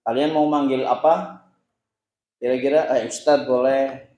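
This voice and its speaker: A man's voice: mid-range voice, steady tone, measured pace, mellow, slight background noise. Guy in his 30s teaching at a boarding school, jokey, lots of "ya", roomy echo. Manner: playful, teasing the audience with questions; frequent "ya" tags and hesitations. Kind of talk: informal religious advice to students.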